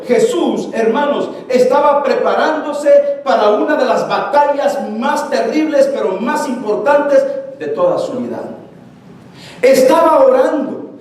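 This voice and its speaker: A male pastor preaching a sermon, telling stories and acting out the dialogue with lively energy. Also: extremely high pitch. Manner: animated storytelling, acting out dialogue. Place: church. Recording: echoey church hall from far off.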